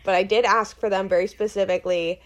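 A woman's voice: mid-range voice, steady tone, quick pace, heavy background noise. A woman in her twenties co-hosting a podcast in casual chat, telling stories in a rambling, self-deprecating way. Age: 20s. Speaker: podcast co-host.

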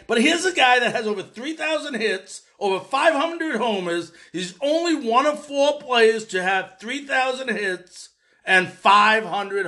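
A man giving an excited, fast-talking opinion monologue to his viewers as a baseball commentator, emphatic and direct. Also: very high voice.

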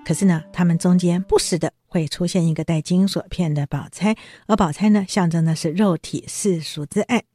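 Woman lecturing and retelling a story, husky voice, very lively, dry close mic. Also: on the low side, a little fast, hardly any pauses, no room sound, faint music behind. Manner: animated retelling with chatty asides. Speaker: lecturer on a classic novel.

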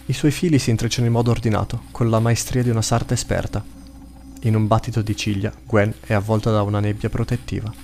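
A man narrating a fantasy story in a measured, dramatic reading. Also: on the low side, flat delivery, creaky, a little mellow, soft background music.

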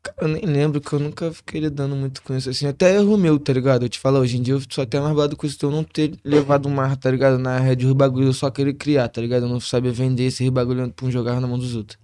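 Fast-talking Rio guy, heavy street slang. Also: medium pitch, little pitch movement, mellow, clear, resonant tone. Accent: Rio de Janeiro. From Rio de Janeiro, Brazil. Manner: slangy, constant tag phrases. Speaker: interview guest, hip hop musician.

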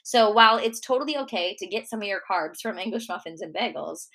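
A woman's voice: medium pitch, quick pace, a bit bright. A young woman with a Minnesota accent hosting a solo Q&A podcast, chatty and full of "like" fillers. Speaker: podcast host and nutrition coach.

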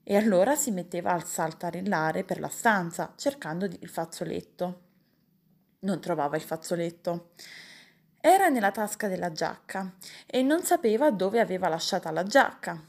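A woman narrating a humorous novel in a steady, even storytelling voice. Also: lowish voice, moderate pace, vocal fry. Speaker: audiobook reader.

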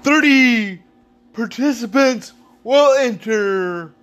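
Man delivering slow, dramatic hype announcements. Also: very high voice, fairly bright tone, faint music behind. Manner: theatrical drawn-out delivery with raised voice. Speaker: wrestling podcast host.

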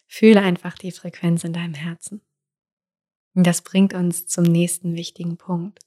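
A woman giving a spiritual coaching talk in a soft, intimate way, sometimes dropping into whispers. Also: lowish voice, little pitch movement, takes it slowly, long pauses.

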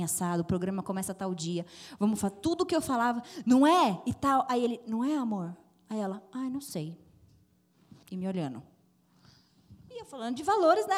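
A middle-aged woman from Brazil, speaking as a guest at a women's church event, telling a personal story and acting out the dialogue. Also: on the high side. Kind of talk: storytelling sermon talk.

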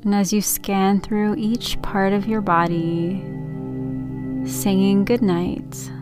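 Gentle woman guiding sleep meditation over music. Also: mid-range voice, flat delivery. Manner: gentle, unhurried sleep-story delivery. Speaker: meditation podcast host and yoga teacher. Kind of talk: slow, soothing guided sleep meditation narration.

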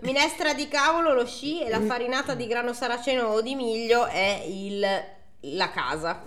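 A young woman reads an old folk tale aloud and chats about it with a friend. Her voice sits a little high. She stays casual and irreverent, with an occasional swear. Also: normal speed. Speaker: reader.

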